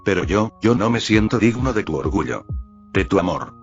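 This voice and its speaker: A man's voice: low-pitched, expressive, normal speed. A man reading Abel, an anxious, self-doubting son. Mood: pleading. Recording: dull lo-fi audio with faint music.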